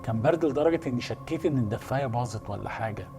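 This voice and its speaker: Fast-talking Egyptian horror narrator. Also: male voice, medium pitch, lively intonation, music in the background. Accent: Egyptian Arabic. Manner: brisk, suspenseful, addresses the listener directly. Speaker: horror storyteller. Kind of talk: first-person horror narration.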